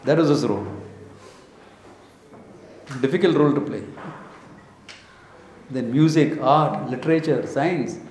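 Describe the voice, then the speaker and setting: Recorded in an echoey room with a little hiss or hum, this Indian-accented spiritual teacher speaks a bit slowly in a darkish mid-range voice, leaving long pauses. His informal scripture lecture uses stories in short, emphatic phrases, rhetorical questions, and bits of Hindi and Sanskrit.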